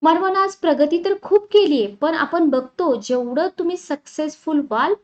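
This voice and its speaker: A woman's voice: high voice, normal speed, darkish tone, lo-fi sound. A woman teacher giving an exam-prep lecture. She talks in a conversational way and keeps asking the class questions.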